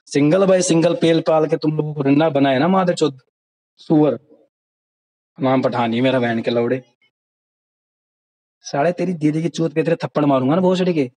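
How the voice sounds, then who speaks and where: A man with a somewhat high but dark-toned voice rants aggressively on a group voice call, hurling taunts and insults. It was captured by screen-recording a phone, and the quality is low.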